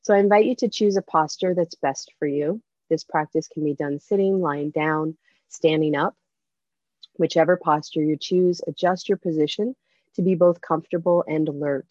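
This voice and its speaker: A woman leading a guided breathing meditation over a video call, speaking softly with gentle invitations. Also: sits low, no echo. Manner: slow, soft-spoken, gentle invitations. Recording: dull lo-fi video call audio.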